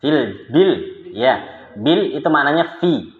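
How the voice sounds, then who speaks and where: A man from Indonesia teaching Arabic, reading dialogue lines slowly and chatting quickly between them with a laugh. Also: on the high side, lively intonation. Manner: reads Arabic dialogue slowly, then chats fast with laughter. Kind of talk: recorded Arabic lesson with anecdotes. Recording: roomy, echoey, dull lo-fi sound.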